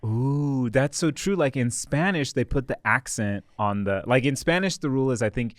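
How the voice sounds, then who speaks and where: A man of middle pitch hosts an interview podcast, relaxed and conversational. He is friendly and encouraging, laughing easily along with his guest. The recording is close and dry. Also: moderate pace, no echo. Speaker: podcast host. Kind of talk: casual interview talk.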